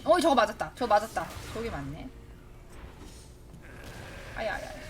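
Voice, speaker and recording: A woman's voice: a little high, normal speed, slight background noise. A woman streaming a game live, reacting to the match as she plays, with yelps and bursts of laughter. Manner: excitable, talks to herself, yelps and laughs. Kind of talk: live gameplay commentary.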